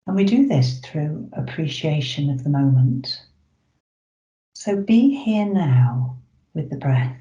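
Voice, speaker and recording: Soft-spoken meditation guide, warm roomy sound. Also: medium pitch, animated. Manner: soft, slow, soothing delivery with drawn-out pauses. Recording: roomy, slightly dull recording.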